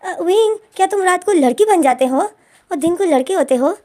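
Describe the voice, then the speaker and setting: A woman voicing a fussy, excitable middle-aged mother who asks shrill, fretful questions, in a storytelling narration. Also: moderate pace. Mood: excited.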